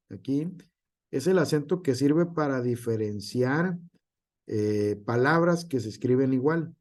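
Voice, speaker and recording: A man's voice: on the high side, mellow. A male teacher gives an online class, with frequent hesitations and filler words.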